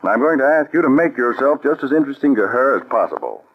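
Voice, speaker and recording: In a 1940s radio drama, a male actor plays a firm, commanding chief of counterspies. His voice sits in the mid range and his delivery is animated and fast. The old broadcast sounds dull.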